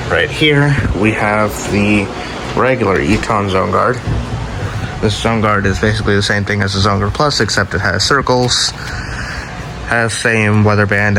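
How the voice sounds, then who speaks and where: A hobbyist collector shows off his weather radios in a casual, unscripted show-and-tell, rambling offhandedly and correcting himself along the way. His voice is on the low side, with background noise.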